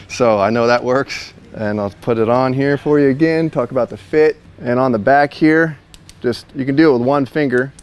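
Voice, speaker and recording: A man's voice: mid-range voice, moderate pace, clear, resonant tone. A man in his thirties in a warehouse, giving a chatty, jokey product walkthrough on a lapel mic and laughing at his own slips. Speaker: store product reviewer. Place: large warehouse, indoors.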